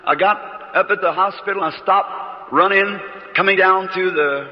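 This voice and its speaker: A man's voice: high-pitched, fairly even intonation, unhurried, in a large hall, lo-fi sound. A man preaching, telling a personal story in a folksy, emotional way, heard on an old tape recording. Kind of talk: archival sermon storytelling.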